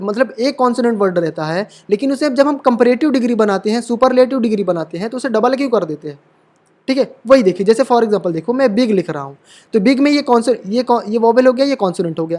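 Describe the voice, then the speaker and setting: A man with a high voice, from India, teaches English spelling in an online lesson. He works through the rules step by step and repeats examples again and again. He keeps checking with the students and asks them questions as he goes. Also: darkish tone. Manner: explains step by step with many rhetorical questions and constant "okay?" check-ins; repeats words and examples over and over.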